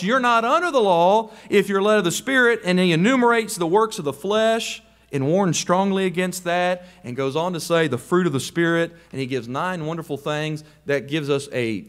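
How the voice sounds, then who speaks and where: Male preacher, high tenor register, emphatic sermon delivery. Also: expressive, normal speed, a bit bright. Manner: emphatic, rising to raised questions.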